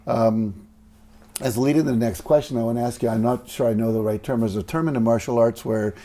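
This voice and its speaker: A male host who affirms the guest's points and thinks out loud while asking his questions. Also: mid-range voice, fairly even intonation, fast talker. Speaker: interviewer, host. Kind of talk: interview questions.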